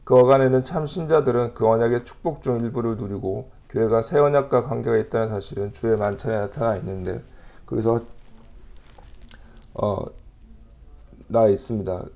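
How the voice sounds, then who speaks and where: A man preaching a sermon as pastor, reading scripture aloud and explaining it in a measured way with frequent pauses. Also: mid-range voice, creaky, warm tone.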